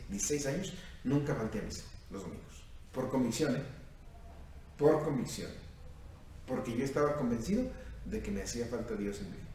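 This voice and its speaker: A man's voice: medium pitch, a little mellow. A Mexican priest in his fifties with a Mexican accent, preaching a sermon at a youth retreat, questioning his listeners and calling them "mijo". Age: 50s. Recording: echoey room from far off, faint noise.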